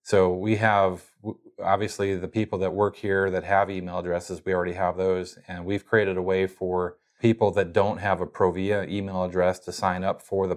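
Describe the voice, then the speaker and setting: A low-voiced man, interviewed as a guest, casually explains how he runs his company's podcast, his speech full of fillers and restarts.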